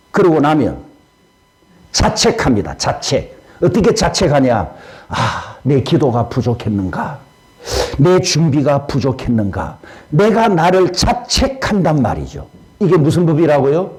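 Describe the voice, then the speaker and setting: Man, pastor, sermon, high voice, very lively intonation. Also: slightly rough. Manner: animated, asks the congregation questions.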